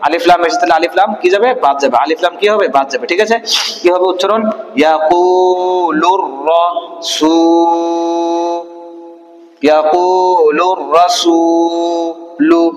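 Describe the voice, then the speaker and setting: A man teaching Quran reading online, spelling syllables slowly and answering his own questions. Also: sits high, expressive, roomy sound, big-room sound, rough recording. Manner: stretches out recited words in a slow chant.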